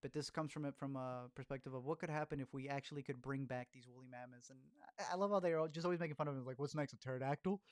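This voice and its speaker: A man's voice: mid-range voice, steady tone, racing, few pauses, no echo, studio quality. A man casually chatting through film reviews as a podcast host, rambling along with fillers and restarts.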